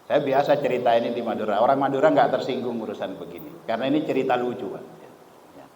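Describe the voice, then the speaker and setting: A male Islamic preacher giving a sermon with lively, humorous storytelling and emphatic rises. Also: mid-range voice, fast. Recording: echoey hall, faint ambient noise.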